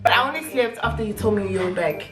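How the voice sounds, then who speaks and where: A young woman with a South African accent telling a casual, chatty story in a giggly, tipsy, animated way. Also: mid-range voice, fast talker. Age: young adult. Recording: music playing behind the voice.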